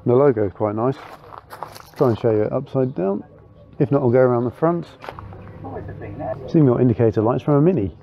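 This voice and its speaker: A man's voice: medium pitch, a little fast, vocal fry, long pauses, dull audio. A man giving casual, enthusiastic walkaround commentary at an outdoor car meet, thinking aloud with small fillers as he goes. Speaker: car vlogger.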